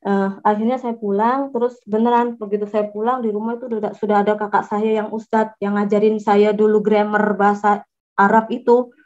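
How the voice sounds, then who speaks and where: A woman from Java telling her conversion testimony in a halting way, with many restarts and fillers. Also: medium pitch, little pitch movement, a little mellow. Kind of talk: personal testimony storytelling. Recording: dull lo-fi recording.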